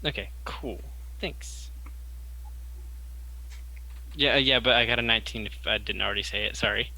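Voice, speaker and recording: A man with a very bright, tense voice of medium pitch talks casually as a player in a tabletop game. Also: moderate pace, gravelly, rough recording.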